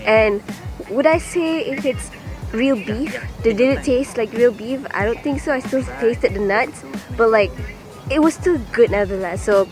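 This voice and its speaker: Young woman, bubbly, slightly high voice, outdoor camera vlog, music behind. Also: normal speed. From Malaysia. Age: 20s. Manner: bubbly, excitable. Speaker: vlogger. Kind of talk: vlogging on the go. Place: outdoors in a city and park.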